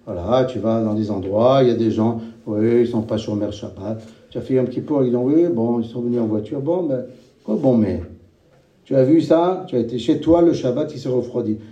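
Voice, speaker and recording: A man giving a sermon. He swings between high chanted calls and low murmured asides, and he chants Hebrew and Aramaic phrases in a sing-song. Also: fairly quick, dark tone, roomy sound, distant mic, dull audio. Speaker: rabbi.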